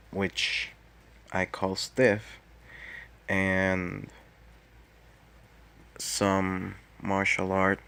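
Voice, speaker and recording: A man speaks quietly, as if late at night, in a low voice with heavy fry. He explains things casually on his own, very slowly, with halting pauses in the middle of phrases. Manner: halting, pausing mid-phrase. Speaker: martial arts vlogger. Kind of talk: casual solo talk explaining fighting technique.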